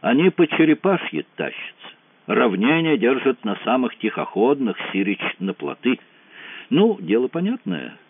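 A man's voice: medium pitch, big pitch swings, dry recording. A man doing a sardonic tough army colonel. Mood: sardonic briefing. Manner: slangy, mocking, brisk. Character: brash sardonic male lieutenant colonel, soldier. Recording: tinny phone-like dry sound.

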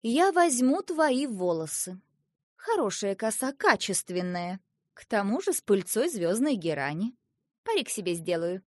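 A woman voicing a cold, sharp-tongued young river princess who scolds her father, as an audiobook character. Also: medium pitch, very animated, a little slow, dry recording, studio quality. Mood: cool. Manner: reproachful, coolly mocking.

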